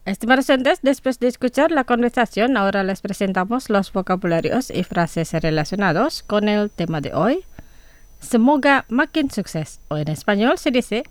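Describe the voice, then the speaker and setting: A woman hosting a radio language lesson, speaking slowly and carefully and repeating each word twice for listeners. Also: medium pitch, no room sound.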